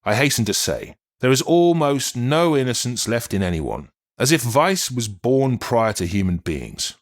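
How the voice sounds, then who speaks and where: A man's voice: mid-range voice, big pitch swings, unhurried. A man reading as the melancholy spirit of a dead writer and doctor, rueful and apologetic in an audiobook. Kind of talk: audiobook reading of a channeled letter.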